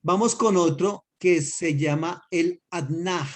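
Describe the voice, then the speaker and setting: Patient pastor teaching a class. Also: male voice, sits high. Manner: patient, explains slowly with spoken examples and checks understanding. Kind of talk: teaching a class on Hebrew accents.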